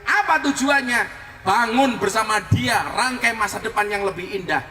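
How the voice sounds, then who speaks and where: A man preaching a comic sermon to an outdoor crowd, joking and loud. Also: high-pitched, moderate pace. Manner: joking, loud, mixes local slang. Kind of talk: comic open-air sermon. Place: outdoor field gathering. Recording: echoey field recording from far off. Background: crowd laughing.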